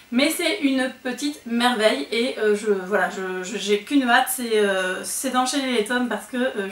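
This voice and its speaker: This woman's high-pitched, somewhat bright voice carries her casual book wrap-up for the month, with plenty of fillers and false starts. She's recorded in an echoey space, a little away from the microphone.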